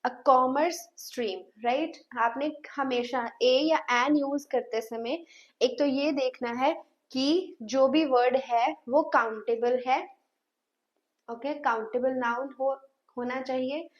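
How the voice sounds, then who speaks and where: A woman's voice: high voice, steady tone, takes it slowly. A woman teaching an English grammar lesson, asking her class questions and repeating sounds patiently. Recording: dull lo-fi sound.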